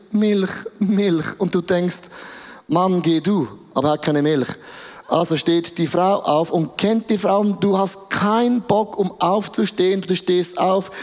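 A man delivers a sermon, playful and animated, often slipping into little acted voices. His voice sits high, and the sound carries the long echo of a large hall. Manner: animated, playful, acts out quotes. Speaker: preacher. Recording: reverberant hall.

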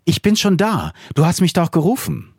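A man's voice: high-pitched, sing-song, normal speed, vocal fry, a little mellow, slightly rough, pitched above the performer's own voice, exaggerated voice. Man doing an eager young boy, Samuel.

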